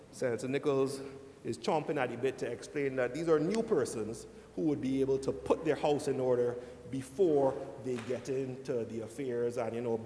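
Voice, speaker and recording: A man giving a formal speech as a senator, deliberately addressing the chair and often saying "sir". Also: warm tone. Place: large indoor legislative chamber. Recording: echoey hall, rumbling background noise.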